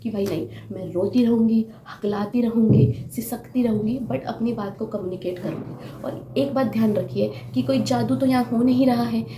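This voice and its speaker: A woman's voice: fairly high pitch, normal speed, few pauses, echoey room, background noise. A woman giving earnest relationship advice straight to her viewers, repeating her points and asking them questions. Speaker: relationship coach. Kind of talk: direct-to-camera advice talk.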